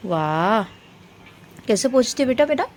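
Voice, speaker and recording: A woman's voice: a little high, big pitch swings, measured pace, darkish tone, slight background noise. A woman vlogger at home, talking in a coaxing, questioning way with her small child and then to her viewers. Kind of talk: casual home vlog. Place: home in an apartment building.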